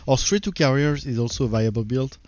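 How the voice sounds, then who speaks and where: A man with a French accent, a native French speaker, giving halting live game commentary with a tired voice. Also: medium pitch, expressive, a little mellow, highs cut off. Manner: halting, repeats words while searching for English. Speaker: game streamer.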